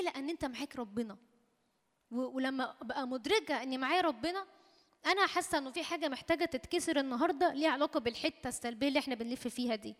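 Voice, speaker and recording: A woman with an Egyptian Arabic accent preaches in a lively, conversational teaching style. Her voice sits high and her words come quickly. The sound carries a long hall reverb. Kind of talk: sermon.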